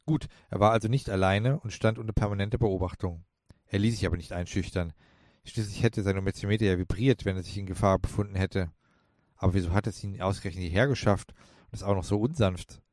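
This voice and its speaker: Male audiobook narrator, low-pitched, measured and calm, dry studio read. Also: no echo. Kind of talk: scripted narration.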